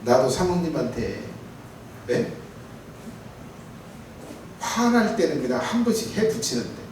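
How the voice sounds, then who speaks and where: A middle-aged man preaching a sermon as pastor, emphatic, swinging between shouted and quiet lines. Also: a little high, big pitch swings, a little slow. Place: church sanctuary. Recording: echoey church hall, mic from far off, faint noise.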